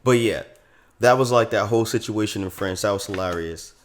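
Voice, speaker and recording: A man's voice: on the low side, a little fast. A man casually reviewing a show episode, chatty and full of enthusiasm. He talks in a loose, slangy way, circling back to his points as he goes.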